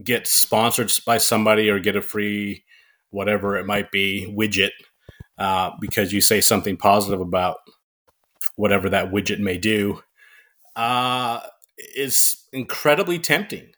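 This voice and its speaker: Bright, forceful male podcast guest. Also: lowish voice, moderate pace. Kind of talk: casual chat. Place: barn.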